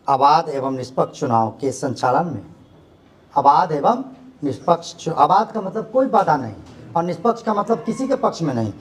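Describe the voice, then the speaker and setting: Young male teacher, high voice, lively classroom lecture style, quizzes his students. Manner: animated, rhetorical questions to students.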